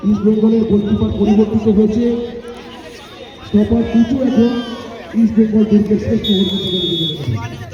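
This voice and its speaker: A high-pitched man gives formal football commentary over what sounds like an outdoor public-address system. His voice rings with very heavy echo and is slightly dull, with a crowd around. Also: fairly even intonation, fairly quick, warm tone, far from the mic. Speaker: football match announcer. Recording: booming echoey PA, muffled, crowd noise.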